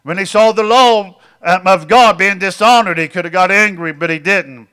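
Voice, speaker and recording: A man's voice: high voice, moderate pace, sharp tone, clean tone. A middle-aged man preaching a sermon, dropping in frequent amens and repeating his phrases as he goes.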